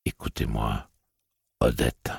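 A man voicing a weary, stern gunslinger in an audiobook, speaking slowly in a velvety, measured way with a creaky, husky voice. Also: bright, forceful tone, dry recording, studio quality, full character voice. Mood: velvety calm. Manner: slow, low, velvety and measured. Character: weary, stern male gunslinger, calm and cold.

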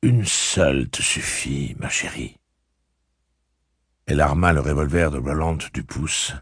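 Husky male audiobook narrator with a steady, measured storytelling manner and a very deep, dry voice. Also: no room sound.

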